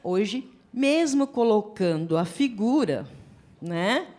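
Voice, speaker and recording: A woman giving a psychology lecture at a forum, chatty and animated, acting out little scenes as she talks. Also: mid-range voice, slow. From Brazil. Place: lecture hall.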